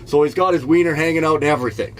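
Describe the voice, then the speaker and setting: Talking very fast in a fairly high-pitched voice, a middle-aged Canadian rattles off stories in a comedy podcast monologue from an RV in Jasper. It's casual, rambling and self-deprecating, and he cracks himself up at his own bits.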